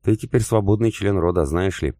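A man reading the part of a sulky, teasing young wife in an audiobook, in his own deep voice with little change. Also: brisk, dark tone, dry recording, clean studio sound, natural voice. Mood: grumbling.

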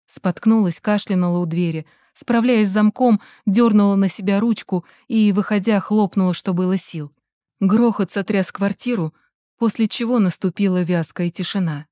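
A woman narrating a novel in a measured storytelling manner. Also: medium pitch, mellow, no room sound, clean studio sound. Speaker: audiobook narrator. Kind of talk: scripted narration.

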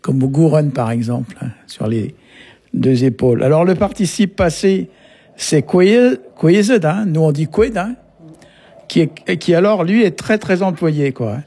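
Husky-voiced man patiently explaining words. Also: on the high side, lively intonation, a little slow, warm tone. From Brittany. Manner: patient, explanatory, peppers talk with short tags. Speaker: language teacher. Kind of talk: explaining words on a radio lesson.

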